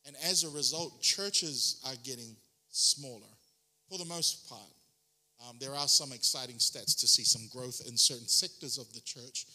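Bright-voiced New pastor preaching. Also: male voice, a little high. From New Zealand. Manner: chatty, self-deprecating, frequent ums and restarts. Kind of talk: sermon.

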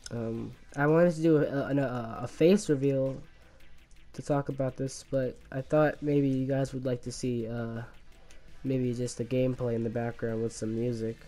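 Quiet game music sits behind a man talking casually as he plays, his mellow voice somewhat worn by illness and a cough that hasn't cleared. He keeps a medium pitch and steady tone but stumbles, restarts sentences, uses many fillers and chuckles at himself.

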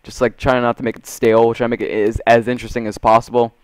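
Young gamer bro with a clear voice. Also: male voice, medium pitch, fast, no room sound. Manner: slangy gamer bro talk, full of "dude" and "bro"; swings between muttering and excited shouts. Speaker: gaming video creator. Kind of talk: casual, profane video game commentary.

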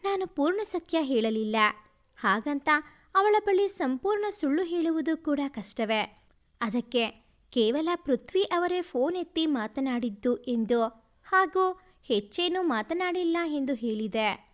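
A woman's voice: sits high, expressive, measured pace. A woman voicing a chatty young woman who is keeping a secret. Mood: secretive.

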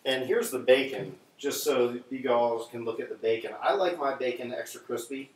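While he makes breakfast on a livestream, a man keeps up casual chatter with viewers and fiddles with his audio. Heard at a moderate pace with a medium pitch, he's off-mic and distant, his voice echoing like in a cave over faint noise.

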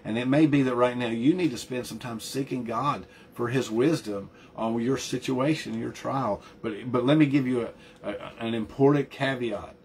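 A man's voice: mid-range voice, moderate pace, few pauses, a little mellow, a little hiss or hum. Earnest male pastor preaching a sermon. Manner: earnest, emphatic preaching with frequent restarts and repeated words.

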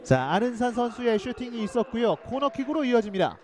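A man giving live play-by-play football commentary, excitable and shouting out chances. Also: extremely high pitch, quick pace.

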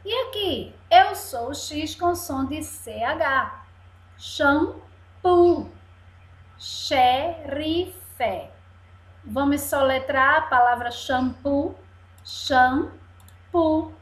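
A primary school teacher with a high, slightly bright voice gives a video lesson for young children, speaking slowly and patiently stretching out each word syllable by syllable. The room sounds echoey.

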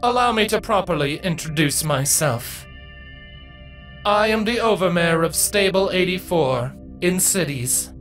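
A regal female changeling queen speaks with measured, courteous poise, as a male narrator raises his voice to play her. Her lines sit well above his plain narrating voice, with a faint bed of music behind. The tone is stately and composed, every word unhurried. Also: sits high, animated, a bit bright, pitched above the performer's own voice. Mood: cordial.

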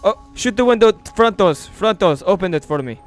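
A man streaming a mafia role-play game, excitable and bossy, shouting orders at his crew. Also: sits high, fairly quick, faint music behind.

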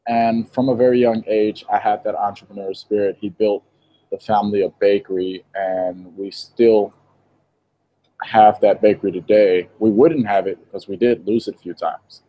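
A young man from Israel, a guest on a video call interview, telling his story in a relaxed way with light laughs, speaking into an earphone mic in a shop. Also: fairly low pitch, moderate pace, lo-fi sound. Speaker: interview guest, vegan baker. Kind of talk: casual interview. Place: indoor shop with green wall. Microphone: earphone headset on video call.

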